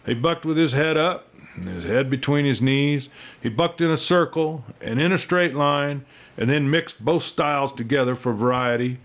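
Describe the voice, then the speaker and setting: A man reads a western novel as an audiobook, narrating in a folksy, dramatic and expressive storyteller's way. His voice is medium-pitched and his pace normal.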